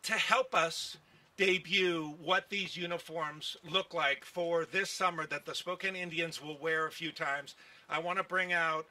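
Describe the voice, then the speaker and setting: A man's voice: on the high side, steady tone, unhurried, sharp tone. A man, a baseball team executive giving press conference remarks outdoors at a stand microphone, telling stories with many fillers. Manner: folksy storytelling with many fillers. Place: outdoor park event. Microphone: podium microphone on stand.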